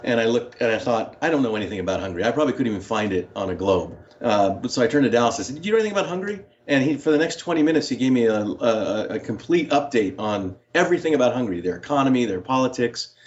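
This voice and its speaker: A middle-aged man, an author and professor, telling stories in an interview with lots of fillers and restarts. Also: lowish voice. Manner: warm storytelling with many fillers and restarts. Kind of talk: interview answers. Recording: dull, lo-fi remote line.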